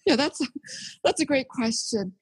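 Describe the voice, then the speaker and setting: Earnest husky-voiced woman author. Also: high-pitched, lively intonation, a little slow, dry recording, poor audio. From born in Korea, raised in Canada. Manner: thoughtful, earnest, many fillers. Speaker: author, theologian guest. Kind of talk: interview conversation.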